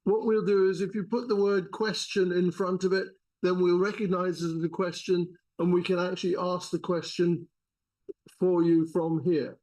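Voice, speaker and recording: A man hosting an event, giving a polite, slightly halting formal introduction of a speaker. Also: high-pitched, flat delivery, a little mellow. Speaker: event host. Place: lecture room.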